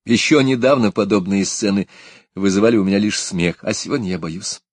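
A man reading a tired young actress, emotional and lively, in an audiobook. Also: on the low side, a little fast, no echo, clean studio sound, natural voice. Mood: wistful.

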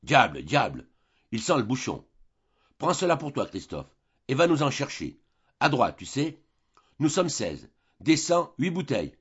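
A man's voice: medium pitch, big pitch swings, measured pace, pauses often, fairly bright tone, breathy edge, highs cut off, heavily acted. A man reading aloud, voicing a boisterous, scheming middle-aged man who orders everyone around at a boarding-house dinner table. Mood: mock disgust.

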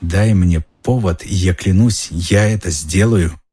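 A venomous, sneering male schoolmaster, put on by a man narrating a story. He hisses his threats in a husky, lowish voice. He bursts into shouting when he is crossed. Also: a little slow. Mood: hissing menace.

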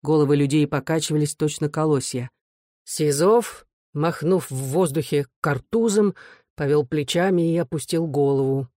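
An audiobook reader narrating a novel in a measured, even storytelling manner. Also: medium pitch, no room sound, clean studio sound. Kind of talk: scripted literary narration.

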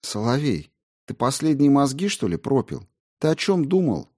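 A man's voice: medium pitch, very animated, moderate pace, darkish tone, breathy edge, voice pushed up. A man voicing a scheming, sarcastic woman sorceress who threatens and scolds in an audiobook. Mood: sarcastic scolding.

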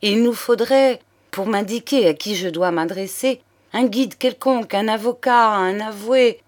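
A woman reading the lines of an elderly count, a grieving but energetic aristocratic father who speaks earnestly and tenderly in an audiobook of a crime novel. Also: medium pitch, measured pace, close to an everyday voice. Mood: fatherly. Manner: earnest, paternal, exclamatory.

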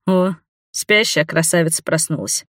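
A woman's voice: low-pitched, measured pace, fairly bright tone, no room sound, studio quality. A woman reading the part of an irritated, sarcastic young fiancé in an audiobook. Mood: mocking. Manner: mocking, sarcastic. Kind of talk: audiobook character voice.

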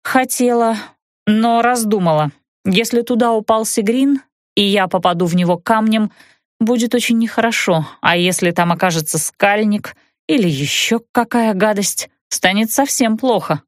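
A woman's voice: medium pitch, moderate pace, no room sound, close to an everyday voice. Woman doing a careful, sly young widow, mid voice, dry sound, audiobook. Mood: cautious. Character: cautious, wry young widow in a dark cave. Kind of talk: audiobook narration.

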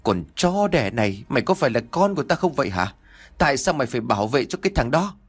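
A man voicing a furious middle-aged father who berates his daughter in rapid, threatening bursts, in an audiobook reading. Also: fairly low pitch, expressive, a bit bright. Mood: enraged.

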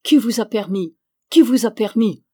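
A woman's voice: mid-range voice, moderate pace, darkish tone, no room sound, lightly acted. Brief: woman reading a heavy-set middle-aged male master, commanding, voice rising, dry close sound. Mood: furious. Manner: commanding, raised voice. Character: stout middle-aged male master, anxious then furious.

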